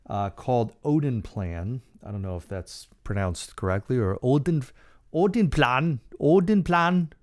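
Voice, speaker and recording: A medium-pitched man in his forties hosts a leadership podcast alone. His delivery is casual and full of jokes, and he gestures with his hands as he talks. The setting is a small studio fitted with dark acoustic panels, with a big condenser mic right in front of him.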